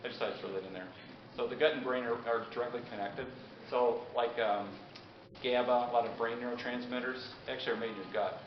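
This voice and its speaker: A pharmacist giving an informal public lecture, chatty and often checking in with the audience. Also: male voice, mid-range voice, steady tone, fast. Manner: chatty, asks the audience questions. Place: meeting room with an audience. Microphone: handheld mic. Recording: echoey, dull, noisy room recording.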